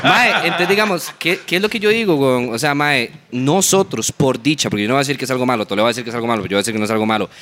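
A man's voice: mid-range voice, pushed and bright. A young man from Costa Rica with a Costa Rican Spanish accent, a podcast guest ranting emphatically in slangy casual chat. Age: young adult. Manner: emphatic, slangy, fast rants.

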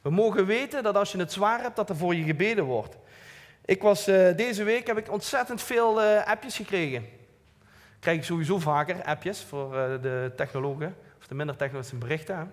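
Limburg dutch guy giving a laid-back church talk, fairly high voice, big echoey hall. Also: fairly quick. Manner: earnest, plain-spoken, with light self-mocking asides. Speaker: lay preacher. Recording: long hall reverb.

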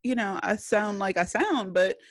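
A woman's voice: mid-range voice, normal speed, no echo. A woman from New Orleans chatting casually, who tells stories animatedly and acts out quotes. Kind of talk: casual conversation.

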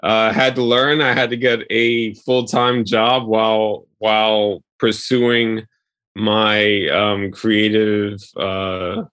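A man gives casual interview answers at a slow pace. His voice sits fairly low and is closely recorded and dry. He pauses mid-sentence and rambles as he goes. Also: flat delivery, a bit bright, no room sound. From Queens, New York. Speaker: interview guest, filmmaker.

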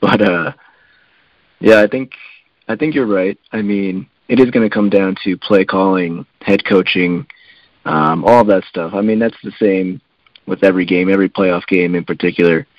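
A man co-hosting a casual sports podcast, relaxed and hedging, with lots of fillers. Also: low voice, normal speed, dry recording, lo-fi sound. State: coughing. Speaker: podcast co-host.

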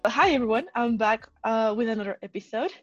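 A woman's voice: on the high side, a little fast, highs cut off, faint music behind. A woman hosting a podcast, asking questions in a casual chat and nudging her guest along with short replies. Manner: encouraging, short backchannels. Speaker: podcast host.

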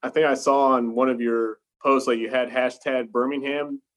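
A man of middle pitch hosting a casual interview. His questions come out halting, with frequent fillers and self-corrections before he gets to the point. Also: fairly even intonation.

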